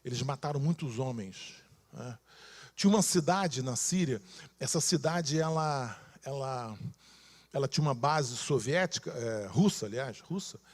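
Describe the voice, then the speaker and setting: A man's voice: on the high side, husky. A man with a Brazilian Portuguese accent, a bishop preaching a sermon and telling stories, acting out the people in them with many restarts. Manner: animated storyteller, acts out quoted voices, frequent restarts. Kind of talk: sermon storytelling.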